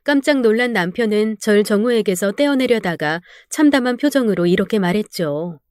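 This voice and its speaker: A woman's voice: medium pitch, expressive, brisk, a little mellow, smooth, dry recording, studio quality. A woman narrating a real-life story in the first person, with an emotional, dramatic delivery.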